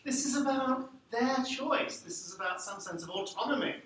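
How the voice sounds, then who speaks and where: A man giving a live lecture to a room of teachers, lively and wry, putting questions to the audience. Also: very high-pitched, normal speed. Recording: echoey room, faint background noise.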